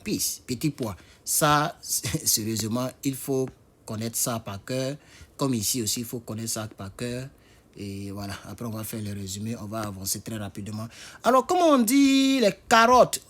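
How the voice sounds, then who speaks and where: A man's voice: mid-range voice, fairly bright tone. Chatty French-speaking male English teacher. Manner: spells words out letter by letter, repeats them slowly; chatty, talks to viewers directly. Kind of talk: casual spoken lesson.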